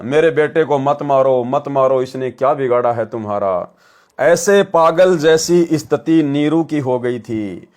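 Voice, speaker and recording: A man's voice: a little high, a little mellow. A male preacher reading a scripture story aloud and stopping to comment, calling his listeners brothers and sisters.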